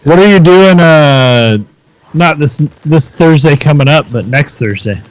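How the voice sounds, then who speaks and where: A man's voice: fairly high pitch, expressive, a little slow, no echo, poor audio. A man co-hosting a podcast, chatting casually and self-deprecatingly while playing a video game, swearing now and then. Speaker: podcast co-host.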